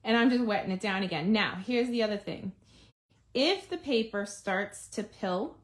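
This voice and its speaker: Woman, live craft-demo host, mid-pitched, chatty and thinking aloud with viewers. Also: animated, moderate pace. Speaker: card-making demonstrator.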